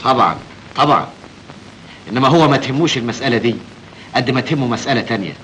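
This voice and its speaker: A man plays a polite young Egyptian gentleman who defers to his elders. His voice sits at a middle pitch and he talks very quickly. Faint hiss lies under this old soundtrack. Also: natural voice, rough recording. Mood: courteous. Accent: Egyptian Arabic. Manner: courteous, deferential. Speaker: friend of the hero.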